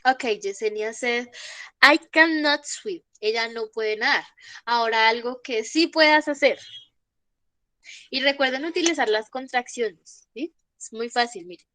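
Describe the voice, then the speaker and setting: Slow, bright-voiced woman teaching. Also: fairly high pitch, no echo. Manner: patient, explains slowly, laughs at own jokes. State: has a cold. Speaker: English teacher. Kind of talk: online class teaching.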